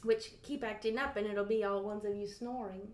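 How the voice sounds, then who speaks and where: A woman's voice: medium pitch, fairly even intonation, fairly quick, a little mellow, roomy sound. A young woman hosting a casual, teasing interview with her partner. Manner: playful, teasing. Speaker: interviewer and channel host. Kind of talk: casual chat.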